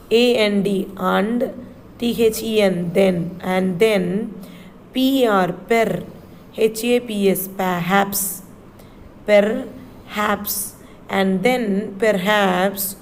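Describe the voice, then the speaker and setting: A woman teaching children to read, taking each word at an unhurried pace and spelling it out letter by letter before saying it again. Her pitch sits in an ordinary middle range, and a faint hiss of background noise runs under the recording. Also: a little mellow, poor audio. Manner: spells words letter by letter and repeats them slowly. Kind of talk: slow spelled-out reading lesson for children.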